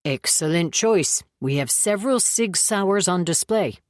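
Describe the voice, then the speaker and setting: A woman's voice: on the low side, expressive, measured pace, dry recording, studio quality, pitched above the performer's own voice. A woman narrator voicing a kindly, polite middle-aged male gun shop clerk in an audiobook. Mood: friendly. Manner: polite, helpful.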